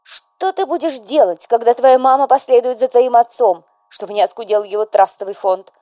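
A woman's voice: fairly high pitch, animated, normal speed, mellow, dry recording, clean studio sound, pitched above the performer's own voice, lightly acted. A woman voicing an overbearing, melodramatic widowed mother who scolds and presses her grown son, in an audiobook. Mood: scolding, tragic.

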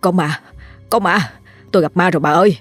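A frightened middle-aged husband from a country village, stammering, voiced by a woman. The voice sits low and steady, with soft music under the storybook reading. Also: fairly quick, dry recording. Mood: terrified. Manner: stammers when scared.

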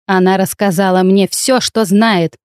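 An arrogant healer, a man who presses and threatens, snapping out curt commands in a dark, dry low voice, as a woman reads him out. He sounds imperious and spiteful throughout this storybook scene. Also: steady tone, measured pace, smooth, no echo, lightly acted. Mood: commanding.

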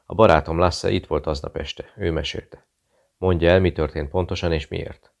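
A composed British investigator in an audiobook, as a male narrator puts him on. He talks in a smooth, friendly and quietly persuasive way. The voice is very low and gravelly. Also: steady tone. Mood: probing. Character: cool British male investigator posing as journalist.

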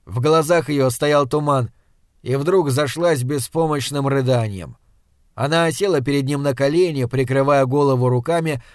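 A man's voice: fairly high pitch, no echo. Male audiobook narrator, dry close sound. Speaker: audiobook reader. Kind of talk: scripted narration.

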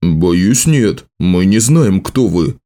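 A man voicing a wary male dungeon guard who talks in a guarded, halting way in an audiobook. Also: low-pitched, lively intonation, mellow.

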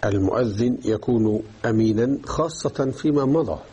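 In this religious lesson, a man works through a text of Islamic jurisprudence and keeps asking questions to make sure his students understand. He speaks at a moderate pace in a warm, mid-range voice with a breathy edge.

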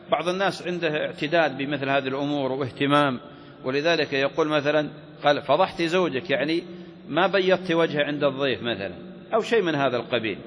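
A man's voice: on the high side, a bit bright. A man teaching Islamic jurisprudence, asking his class questions and answering them himself. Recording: reverberant hall with faint ambient noise.

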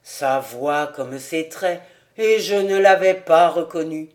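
A woman voicing a rough old charcoal burner, a remorseful father, speaking low and slowly as if to himself. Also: a little mellow. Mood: brooding. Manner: low, slow, murmured as if to himself. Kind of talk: audiobook character reading.

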